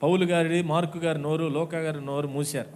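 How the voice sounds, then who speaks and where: A man's voice: on the high side, fairly even intonation, fairly quick, a little mellow. A man pastor with an Andhra Telugu accent, preaching at a watch night church service, calling out questions to the congregation and acting out the voices he quotes. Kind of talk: sermon.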